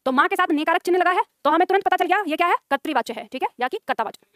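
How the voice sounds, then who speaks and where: Woman teacher, brisk class lecture, quick delivery, dry close sound, quizzes students often. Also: very high-pitched, expressive, a bit bright, no echo. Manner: brisk, coaxing, repeats "ठीक है" and quizzes students. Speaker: Hindi grammar teacher.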